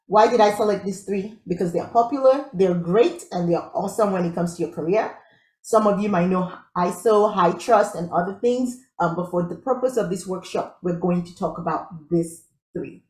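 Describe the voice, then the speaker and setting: A woman from Nigeria teaching a live online workshop on IT audits, talking fast and upbeat and often checking in with her audience. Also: medium pitch, darkish tone, echoey room. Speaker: IT audit instructor.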